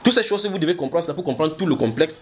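A man's voice: a little high, lively intonation, quick pace, slight background noise. A man preaching, teaching the Bible by asking his listeners questions, repeating words and pressing his points with energy. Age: adult.

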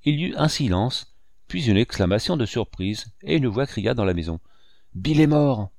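A man narrating a novel in the first person with a measured storytelling delivery. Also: medium pitch, lively intonation, creaky, darkish tone, no room sound, studio quality. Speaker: audiobook narrator. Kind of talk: scripted narration.

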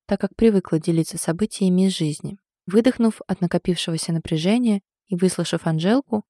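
A woman reads an audiobook aloud with steady, expressive storytelling. Her voice is low and mellow. The recording is dry and close. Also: no room sound. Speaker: audiobook narrator. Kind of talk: scripted audiobook narration.

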